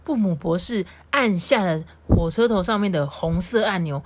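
A mother reading a picture book aloud to her child, lively and playful with chatty asides. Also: fairly low pitch, moderate pace, husky.

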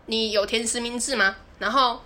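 A woman's voice: fairly high pitch, steady tone, moderate pace, bright, forceful tone. A woman, co-hosting a podcast and animatedly telling a story, often laughing and acting out the people in it. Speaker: podcast co-host. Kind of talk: casual storytelling chat.

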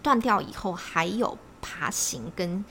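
A woman co-hosting a casual podcast chat, recounting stories and agreeing quickly with her partner. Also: lowish voice, animated, pushed and bright, a little hiss or hum. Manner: chatty storyteller, quick repeated agreement. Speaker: podcast co-host.

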